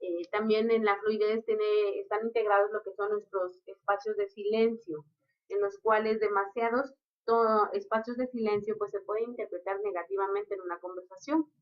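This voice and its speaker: A woman explains her points in an unhurried, teaching manner. Her voice sits in the middle range for a woman. The recording is dull and lo-fi. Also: medium pitch, steady tone. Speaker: lecturer. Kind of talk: recorded lecture.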